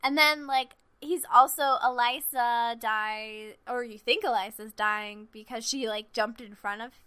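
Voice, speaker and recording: A woman co-hosting a podcast, chatting casually about a film. Her voice sits a little high and rings bright and sharp. She tells the story in a gushing, animated rush. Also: unhurried, smooth. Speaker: podcast co-host. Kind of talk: casual film-discussion chat.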